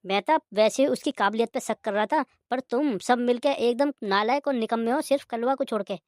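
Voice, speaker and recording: A woman's voice: a little high, fairly quick, a little mellow, no echo, natural voice. A woman voicing an exasperated male schoolteacher in a cartoon comedy, scolding the class.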